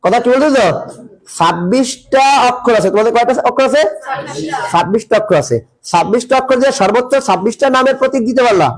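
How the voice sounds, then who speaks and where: High-voiced man teaching a chemistry lesson. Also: expressive, quick pace, rough recording. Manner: asks students questions and answers them himself, repeats key points; colloquial, dialect-tinged Bengali.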